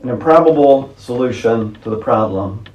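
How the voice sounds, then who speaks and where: A man's voice: mid-range voice, lively intonation, moderate pace, darkish tone. A male pastor preaching a conversational, wry sermon with chuckling asides. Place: church sanctuary. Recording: roomy church sanctuary.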